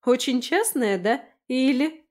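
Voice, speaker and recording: Woman reader doing a brash young woman, sarcastic, teasing, high voice, audiobook. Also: animated, slow, a little mellow. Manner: teasing, mocking. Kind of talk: audiobook character voice.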